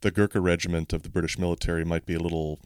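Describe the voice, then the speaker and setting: A man's voice: low-pitched, little pitch movement, very fast, a little mellow, smooth. A man hosting a podcast, reading a scripted intro and then asking questions with some hesitation and repeated words. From United States. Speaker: podcast host. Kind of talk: casual interview, scripted intro.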